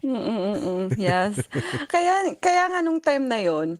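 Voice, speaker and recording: A woman calling in to a radio show, telling a personal story with animated delivery and sharp rising reenactments of an argument. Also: a little high, slow, dry recording, studio quality. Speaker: caller sharing a personal story. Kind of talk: phone-in confession. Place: abroad in her home.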